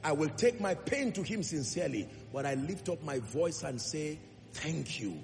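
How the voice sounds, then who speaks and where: A man preaching a sermon, emphatic, building through repeated phrases and dropping to a low earnest tone. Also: lively intonation, normal speed, vocal fry, a little hiss or hum. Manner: emphatic, rising repetitions, shifts between loud exhortation and low earnest tone. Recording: long hall reverb with faint music.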